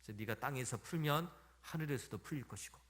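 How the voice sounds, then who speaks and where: A preacher voicing Jesus, solemn and commanding. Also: male voice, medium pitch, lively intonation, fast, a bit bright, pitched above the performer's own voice, lightly acted. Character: Jesus, a male teacher speaking with authority. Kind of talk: sermon retelling with quoted speech.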